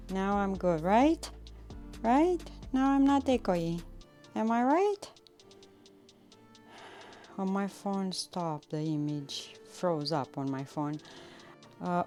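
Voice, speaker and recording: Slow-talking woman live-streaming from her kitchen. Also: medium pitch, darkish tone. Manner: chatty, laughs often, non-native grammar slips. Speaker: cooking streamer. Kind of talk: casual live-stream chat. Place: home kitchen.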